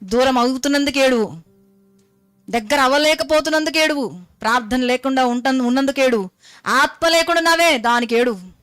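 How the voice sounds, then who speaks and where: A woman's voice: fairly high pitch, fairly bright tone, dry recording. A woman preaching a Good Friday sermon, fervent and exhorting, firing rhetorical questions and mixing English phrases into her talk.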